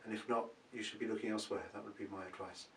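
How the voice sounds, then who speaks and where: A man, a property expert answering viewer questions in a casual Q&A, relaxed and thinking aloud with many ums. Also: on the low side, rapid-fire. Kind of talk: casual advice Q&A. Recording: roomy, from a distance, faint background hum.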